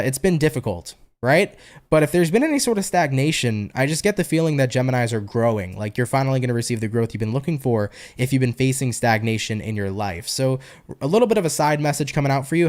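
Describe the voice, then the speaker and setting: A New York man with a matching accent, working as an online host, gives a casual tarot reading full of chatty slang and offhand swearing. His voice is medium in pitch with a darkish tone.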